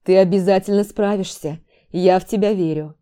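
Woman reading as a gentle, soothing young husband. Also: medium pitch, fairly even intonation, moderate pace, clear, resonant tone, natural voice. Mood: reassuring. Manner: soft and soothing.

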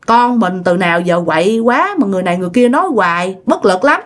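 A woman's voice: medium pitch, expressive, quick pace. A woman telling a ghost story in a casual, chatty way, often speaking to her listeners directly.

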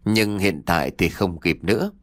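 A man narrating a fiction audiobook in an expressive storytelling manner. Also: deep voice, normal speed, no echo, studio quality.

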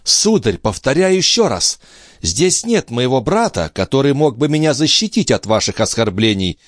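A man voicing a proud, defiant young woman in an audiobook, raising his voice into high, strained outcries. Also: big pitch swings, moderate pace, no echo, clean studio sound, lightly acted. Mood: indignant. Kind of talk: audiobook character reading.

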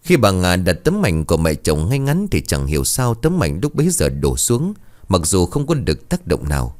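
A man narrating a ghost story in a dramatic, animated way. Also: low-pitched, moderate pace.

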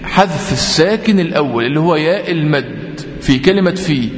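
An Egyptian man teaches a tajweed lesson in a high, clear voice. He explains patiently, repeats his points and stretches out example words slowly. The sound rings in a roomy space with a long, trailing reverb. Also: animated. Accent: Egyptian Arabic. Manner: patient, repetitive explaining, drawn-out example readings. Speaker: Quran recitation teacher. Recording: echoey room with long reverb.

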